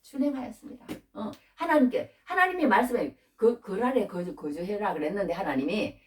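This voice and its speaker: A woman's voice: medium pitch, animated, fairly quick, recorded from a distance. A middle-aged woman preacher giving an informal sermon, chatty and acting out everyday scenes with frequent laughter. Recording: roomy church sound, voice from off the mic.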